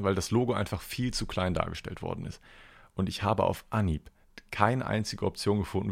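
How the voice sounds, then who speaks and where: Man, podcast host, very low pitch, creaky gravelly voice, casual rambling monologue. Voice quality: deep gravelly voice. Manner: rambling, self-deprecating, swears casually.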